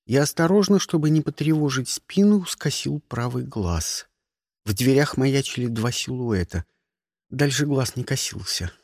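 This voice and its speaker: Male audiobook narrator, wry and lively, slightly husky, dry sound. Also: mid-range voice, unhurried, no echo. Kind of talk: first-person narration.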